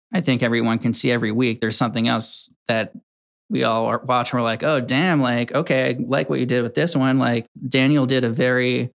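Guest of a workplace interview, a young video editor from Connecticut, USA, talks casually in a medium-pitched voice. He's relaxed and drifts around, restarting thoughts and filling gaps with ums.

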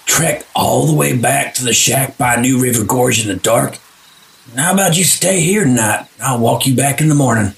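A man voicing a gravelly, crude bro. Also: mid-range voice, moderate pace, distant mic, natural voice. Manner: crude, swears, bro slang. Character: crude young bro survivor.

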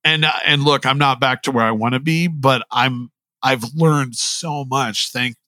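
A man's voice: mid-range voice, measured pace, sharp tone, no echo. A middle-aged man talking as a guest in a podcast interview, candid and self-deprecating, rambling with many restarts and jokes. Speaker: line producer, guest.

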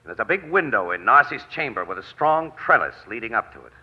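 An actor playing a tough, unflappable press photographer with cool, slangy talk in an old radio drama. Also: male voice, mid-range voice, very animated, a little fast, breathy edge. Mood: confident. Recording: dull lo-fi old radio recording.

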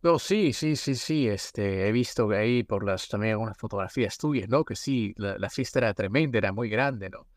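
A man's voice: lowish voice, moderate pace, few pauses, no echo, studio quality. A man hosting a casual podcast interview, asking long, rambling questions that he keeps tagging for agreement. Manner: rambling questions with many tag questions. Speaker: podcast host.

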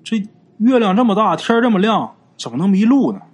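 A man's voice: high-pitched, sing-song, fairly quick, slightly rough, pitched above the performer's own voice, heavily acted. A man doing a cold, curt ghostly stranger.

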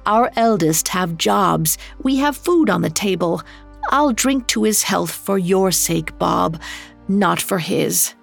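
Woman doing a sharp-tongued, indignant mother. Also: mid-range voice, expressive, slow pace, vocal fry, faint music behind, full character voice. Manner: indignant, clipped.

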